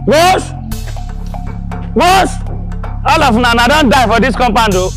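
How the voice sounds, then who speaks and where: A man acting out a furious Nigerian Pidgin-speaking man chasing the money his savings group owes him, his voice very high and swinging wildly as he shouts. He rants loudly, then pleads softly, over music playing behind. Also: expressive, a little fast. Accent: Nigerian Pidgin English. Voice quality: loud and insistent, then pleading. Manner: shouting threats, then soft apologies. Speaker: skit actor.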